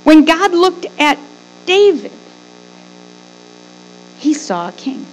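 A middle-aged woman preaches as a pastor in a conversational sermon, her high voice swinging widely in pitch as she takes things slowly. She is emphatic and folksy, using rhetorical questions, repeated phrases and acted-out asides. Faint music plays behind her, and the recording is rough.

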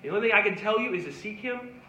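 A man preaching in a high, bright voice, earnest and pleading as he repeats his calls. The sound carries an echoey room around him, with faint ambience underneath. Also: animated, fast talker, dull audio, a little hiss or hum. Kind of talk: sermon.

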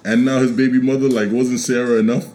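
A man's voice: medium pitch, flat delivery, fast talker, dark tone. A man co-hosting a podcast, chatting casually with loose, profane, joking storytelling and lots of slang over music. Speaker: podcast co-host. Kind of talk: casual chat. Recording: music bed underneath.

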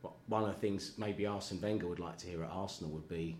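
A man's voice: low voice, fairly even intonation, fast, slight background noise. A man in casual chat as a guest, rambling and self-deprecating, often laughing at himself. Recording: echoey room with faint ambience.

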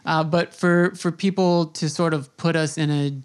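A woman's voice: deep voice, steady tone, normal speed, clean tone. A woman speaking casually and informally as a podcast host.

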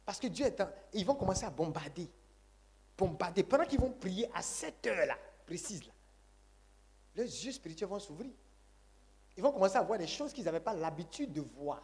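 Emphatic high-voiced male preacher. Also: sing-song, normal speed, a little mellow. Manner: call-and-response, asks congregation to say Amen; emphatic, repeats phrases. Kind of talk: sermon.

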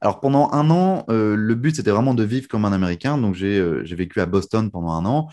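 A young man from France talks freely as a guest in an interview. His voice sits fairly low, and he drifts along with easy fillers and restarts. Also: fairly quick. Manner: relaxed, many fillers and restarts. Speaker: guest magician. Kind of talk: casual interview chat.

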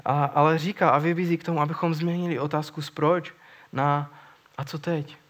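A man's voice: fairly high pitch, fairly even intonation, a bit bright. A man preaching a sermon in an earnest, searching way, often repeating words as he thinks.

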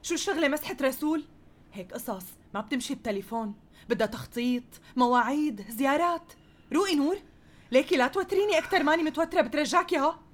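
A woman's voice: high-pitched, quick pace, natural voice. An actress with a Levantine Arabic accent playing a firm, self-assured businesswoman. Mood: defiant. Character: proud, defiant businesswoman.

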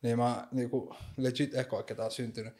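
A man's voice: mid-range voice, level tone, dark tone. Casual young man in slangy chat, mixes in English phrases, keeps on going. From Finland. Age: young adult. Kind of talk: casual conversation.

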